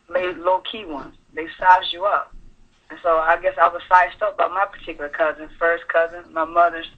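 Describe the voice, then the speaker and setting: Husky woman on a tinny phone line. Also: fairly low pitch. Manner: halting, earnest, full of fillers. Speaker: caller sharing her story. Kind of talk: personal testimony on call-in radio. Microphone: telephone.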